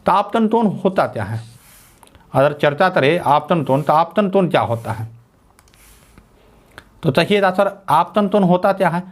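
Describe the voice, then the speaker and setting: Male teacher with a fairly high voice, dictates slowly and repeats key terms, poses questions and answers them himself. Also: lively intonation. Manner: slow dictation, repeats phrases, asks and answers his own questions. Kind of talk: classroom physics lesson.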